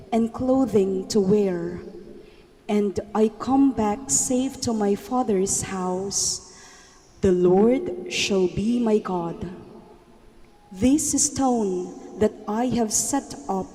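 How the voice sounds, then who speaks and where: A woman reads scripture at a slow, careful pace in a mellow voice. Her words ring out with a long cathedral echo, with faint music in the background. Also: mid-range voice. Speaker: lector. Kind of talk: liturgical scripture reading. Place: large church.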